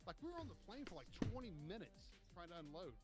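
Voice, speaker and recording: A man telling a long trip story in casual chat, animated and profane, acting out what people said. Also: high voice, fast, loud music behind the voice. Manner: animated, profane, acts out quotes. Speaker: podcast co-host.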